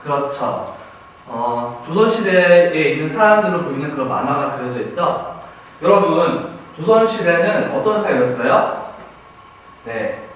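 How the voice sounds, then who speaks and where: A man's voice: on the high side, lively intonation, unhurried. A man teaching a class, asking students questions and praising their answers. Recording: very echoey room, distant mic, faint noise.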